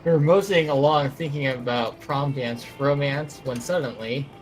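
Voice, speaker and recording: A man's voice: medium pitch, a little slow, faint music behind, low-quality recording. A man playing a video game with friends on a stream, reading the game's text aloud and laughing between lines. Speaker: gamer. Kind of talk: casual game stream chat.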